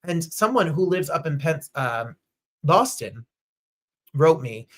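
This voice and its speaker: A man's voice: a little high, sing-song, slow pace, fairly bright tone. Upbeat Midwestern man hosting a livestream. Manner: upbeat, chatty, greets viewers by name. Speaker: host. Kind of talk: casual livestream chat. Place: home.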